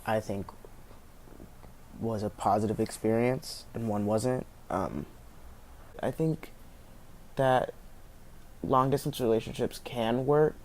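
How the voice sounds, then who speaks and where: A man answering interview questions in a hesitant, thoughtful way, with frequent pauses and fillers. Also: fairly low pitch, a little mellow.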